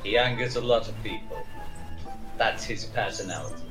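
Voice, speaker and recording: A man's voice: fairly low pitch, moderate pace, over music, poor audio. A man playing a tabletop role-playing game, chatting casually and describing what his character does.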